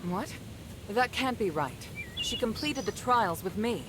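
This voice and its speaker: A woman's voice: mid-range voice, animated, measured pace, over music, close to an everyday voice. A woman voicing an earnest, defiant noble mistress in a dramatic video game, speaking formally and urgently. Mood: indignant.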